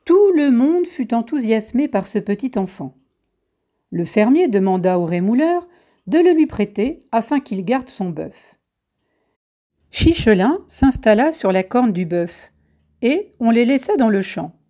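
A woman narrating a folk tale in a gentle, measured way. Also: a little high, sing-song. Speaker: storyteller.

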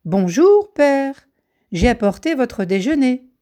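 A woman's voice: high-pitched, very animated, takes it slowly, warm tone, heavily acted. A woman voicing a tiny cheerful boy, no bigger than a chickpea. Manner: cheerful, bold.

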